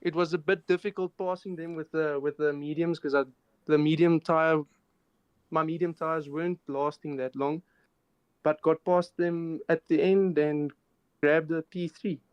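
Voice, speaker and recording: A man's voice: fairly high pitch, fairly even intonation, unhurried, smooth, dry recording, highs cut off. A man, a sim racing driver, recounting his race in a matter-of-fact way and often restarting words. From South Africa. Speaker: racing driver, interview guest. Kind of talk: post-race interview.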